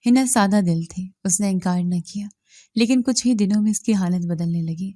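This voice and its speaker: A woman reading a moral story aloud as the narrator, in a steady, even manner. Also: medium pitch, dry recording.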